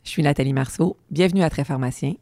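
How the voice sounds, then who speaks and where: A woman podcast host with a Quebec French accent and a hoarse, gravelly, raspy voice, introducing and interviewing. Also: low-pitched, quick pace, warm tone, no room sound.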